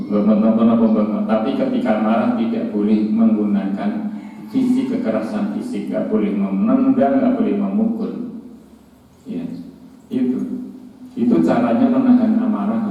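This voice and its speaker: East Javanese preacher in echoing mosque. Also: male voice, lowish voice. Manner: humorous, mixes Javanese into talk, acts out quoted listeners. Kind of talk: mosque sermon. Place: mosque hall. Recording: echoey hall, distant, dull sound.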